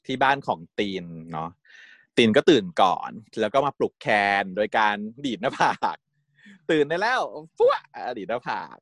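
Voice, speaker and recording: A man's voice: lowish voice, lively intonation, normal speed, no room sound, clean studio sound. A man casually retelling a TV series episode, chatty and giggly, slipping into the characters' lines as he goes. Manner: chatty, giggles often, acts out quotes. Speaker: series recap host. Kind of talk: casual storytelling recap.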